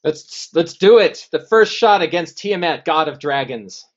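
A man's voice: fairly high pitch, lively intonation, unhurried. Male game master narrating, slightly muffled. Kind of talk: dramatic tabletop game narration.

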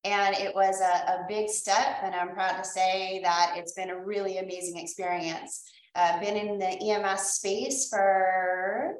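A woman's voice: mid-range voice, fairly even intonation, measured pace. Middle-aged Boston woman in a roomy space. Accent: Boston, mild. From Boston area, Massachusetts, USA. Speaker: interview guest, EMS professional. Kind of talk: conversational interview answers.

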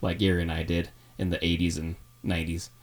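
A podcast co-host in his thirties talks fast in a low-pitched, totally flat voice. He chats casually and rambles, full of fillers and restarts.

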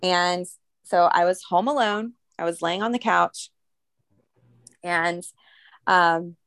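A woman's voice: fairly low pitch, takes it slowly, creaky, fairly bright tone, clean tone, no room sound. A young adult woman co-hosting a podcast, telling stories in a chatty way with fillers and laughs. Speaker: podcast co-host. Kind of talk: casual chat.

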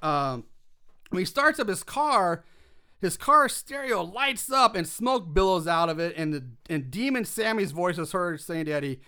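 A man's voice: high voice, bright, forceful tone, clean tone. A man co-hosting a casual podcast, recapping a movie scene by scene, chatty and swearing, with frequent laughs.

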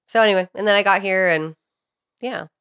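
An American woman co-hosting a podcast tells personal stories in a casual, candid way, swearing now and then; she is from Saudi Arabia and was raised by a US family on a compound. Her mid-range voice is a bit bright and smooth, a little fast, with clean studio sound and no room sound.

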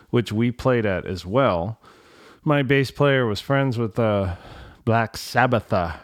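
A middle-aged man, a musician, hosts a casual solo podcast from an untreated home room with bare walls and carpet, yet the mid-range voice comes through at studio quality with no echo. His talk is colloquial and mildly salty, rambling as he interrupts himself, doubles back, and repeats words.

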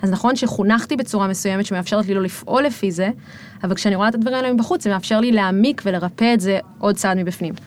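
A woman talks through her thoughts on a podcast, quick and reflective, leaning on casual fillers. Her voice sits in a middle pitch. A faint hiss of noise sits under the recording. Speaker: podcast guest.

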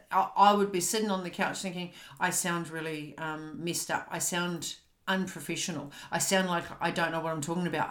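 A woman hosting a podcast from home, talking candidly and often stopping to search for words. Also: lowish voice. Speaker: podcast host. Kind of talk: casual chat. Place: home, on a couch. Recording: roomy echo.

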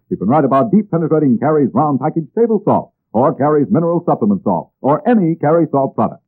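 A man in the style of an old radio announcer, reading a scripted sales pitch and addressing listeners directly like a salesman. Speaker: announcer reading sponsor ads. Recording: tinny, band-limited old radio recording.

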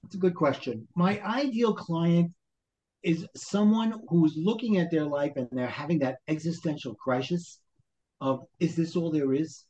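A life coach from Brooklyn, New York, appears as a podcast guest, speaking a little slowly in a slightly high, somewhat mellow voice with his Brooklyn accent. He explains things motivationally, asking questions and acting out people's self-talk, on a muffled recording with slight background noise.

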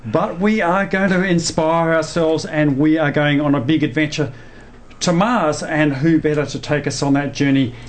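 A man's voice: fairly high pitch, normal speed. A man presenting a radio interview as host.

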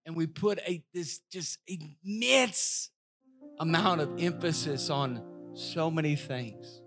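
Slow-preaching pastor, man, soft music behind. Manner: slow, emphatic preaching that rises to loud, high climaxes. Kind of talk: sermon.

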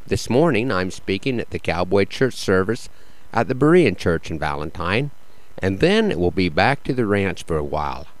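A low-pitched man hosts a cowboy poetry program. He delivers scripted narration and verse in a folksy, sincere manner. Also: rough recording. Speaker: radio program host and cowboy poet.

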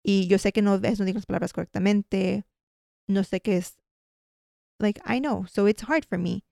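A woman's voice: medium pitch, normal speed, gravelly, dry recording, studio quality. A woman, a dental hygienist and teacher, telling a story in a casual interview, switching between Spanish and English mid-sentence. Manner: animated storytelling with quoted dialogue.

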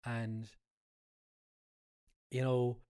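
A man's voice: medium pitch, flat delivery, very slow, dark tone, smooth. An Irish man with a Cork accent and a stuffy nose from a cold, explaining things in casual conversation, often repeating his points. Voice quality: congested, stuffy-nosed from a cold. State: has a cold. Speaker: cook and cookery class instructor, guest.

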